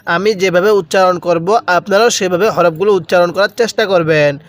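A man teaching Quran recitation step by step, chanting Arabic words slowly and drawn out, then explaining quickly. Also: high voice. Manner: repeats words for the viewer to copy.

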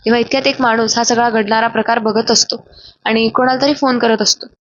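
A woman narrating a recap of a TV serial in a brisk storytelling manner with fillers. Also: on the high side, steady tone. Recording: dry, slightly dull sound.

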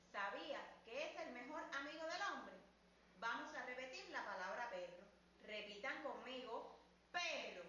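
A woman teacher, speaking slowly and clearly in a televised lesson, drilling words for children to repeat. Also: a little high, sharp tone, a little hiss or hum. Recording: very echoey room, mic at a distance.

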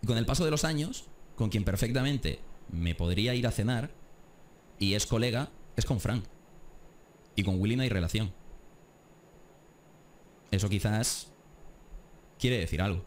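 A man, a streamer in a played clip, making pointed, measured remarks to his viewers. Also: fairly low pitch, a little hiss or hum.

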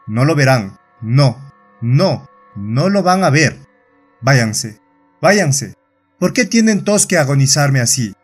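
A man's voice: medium pitch, lively intonation, measured pace, faint music behind, close to an everyday voice. A man with a Latin American Spanish accent voicing a bitter, hypocritical peasant woman in her forties, whining and shrieking in an audio horror story. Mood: furious. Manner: whining then shrieking with rage.

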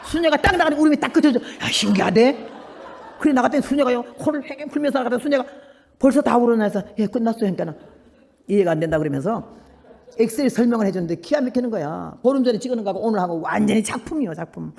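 An older woman missionary tells her testimony to a church in quick, animated bursts and acts out the voices of others. Her words ring out with a long reverb in a large hall. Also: on the high side, creaky. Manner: animated storytelling, acting out voices. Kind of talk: preaching a personal testimony.

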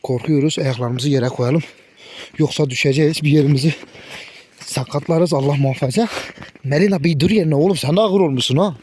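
A man's voice: on the high side, fairly quick, a little mellow, a little hiss or hum. A man chatting casually outdoors in the snow, talking affectionately to his puppies and the camera. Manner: affectionate baby-talk to puppies. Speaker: dog breeder vlogger. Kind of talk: casual chat with animals.

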